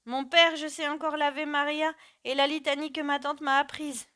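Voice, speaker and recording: A woman voicing a frightened young boy who pleads in a high, tearful voice. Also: flat delivery, moderate pace, bright, forceful tone. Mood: pleading.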